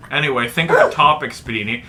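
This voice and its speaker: A man co-hosting a casual podcast, teasing his friend with dry quips and rarely laughing out loud. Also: medium pitch, background noise. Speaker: podcast co-host. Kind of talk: casual chat.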